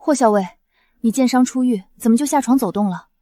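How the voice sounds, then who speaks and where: Actress as a gentle healer woman, fairly high, close dry sound. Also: a little fast, no echo, lightly acted. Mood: tender. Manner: soft, earnest and caring.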